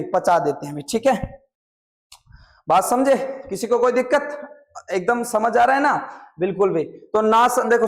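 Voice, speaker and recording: A man with a Rajasthani accent teaching a classroom biology lesson, often quizzing his students and drilling terms by repetition. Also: very high voice. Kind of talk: classroom lecture.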